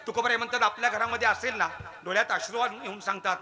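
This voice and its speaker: Male kirtan preacher with a high voice, acting out the dialogue as he tells the story. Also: steady tone, very fast, crowd noise. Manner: acts out the dialogue of the figures, laughing often.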